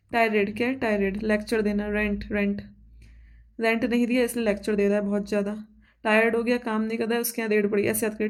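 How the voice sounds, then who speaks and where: A woman with an Indian English accent teaching vocabulary for exams, repeating each word and asking herself quick questions. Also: fairly high pitch, a little mellow. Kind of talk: exam-prep vocabulary lesson.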